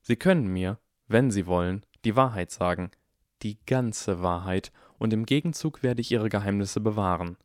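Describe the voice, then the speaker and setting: A man's voice: on the low side, moderate pace, no room sound, studio quality, close to an everyday voice. A man voicing a clever eleven-year-old boy who talks in a cold, icy and precise way in an audiobook.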